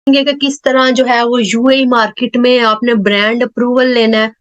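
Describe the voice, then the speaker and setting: A woman's voice: a little high, flat delivery, normal speed. Woman narrating a dull-sounding screen demo. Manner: step-by-step, explaining what is on screen. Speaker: online selling tutor. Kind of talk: screen walkthrough tutorial. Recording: dull lo-fi voice-over.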